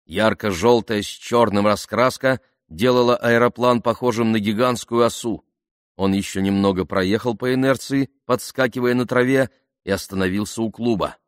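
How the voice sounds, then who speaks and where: Male narrator, low voice, dry close-miked read, measured pacing. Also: fairly even intonation, clean tone, no echo. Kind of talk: scripted audiobook narration.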